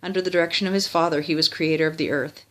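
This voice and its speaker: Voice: mid-range voice, fairly even intonation, very fast. Reciting a memorized religious text by rote. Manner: formal recitation with small stumbles and self-corrections.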